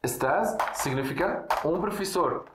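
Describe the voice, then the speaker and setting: A man from Syria, a native Arabic speaker, giving a casual video lesson at a board, explaining slowly with repeated examples and frequent check-ins. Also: a little high, lively intonation, background noise. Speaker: Arabic teacher. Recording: echoey room.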